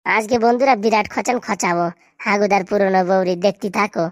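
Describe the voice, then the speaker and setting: A woman's voice: medium pitch, a little fast, dry recording, clean studio sound, close to an everyday voice. A woman voicing a mischievous young male prankster in a Bengali cartoon, speaking with a Bengali accent and making teasing, scheming asides to viewers. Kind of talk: comic cartoon voice acting.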